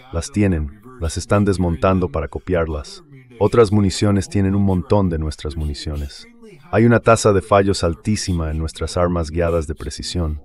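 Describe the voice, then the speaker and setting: A deep, darkish male voice reads the translated voice-over of an interview guest. The dubbed political and military commentary comes in short declarative sentences, delivered emphatically to explain.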